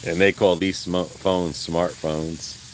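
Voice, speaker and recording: Man with a drawl, low voice, chatty and folksy live-stream vlogger talking outdoors, faint background hiss. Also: little pitch movement, slow. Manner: rambling, chatty, laughs often, folksy. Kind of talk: casual live-stream chat while gardening. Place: outdoors in a garden.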